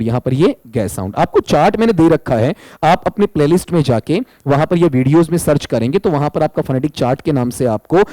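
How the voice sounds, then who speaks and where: Higher-voiced male teacher, dry close sound. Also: mellow, no echo, low-quality recording. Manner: addresses students as "beta", spells sounds out one by one. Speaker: exam-prep English teacher. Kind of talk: explaining exam answers in a recorded lesson.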